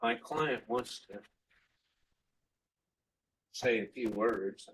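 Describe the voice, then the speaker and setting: A man questioning formally as a defense lawyer in a courtroom, with a deliberate, halting delivery. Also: medium pitch, a bit bright, a little hiss or hum, low-quality recording.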